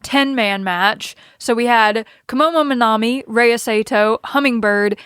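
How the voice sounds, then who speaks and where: A woman's voice: on the high side, a little slow, a bit bright, smooth, dry recording, studio quality. A woman hosting a wrestling podcast, chattily recapping matches in casual talk and laughing often. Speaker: podcast host.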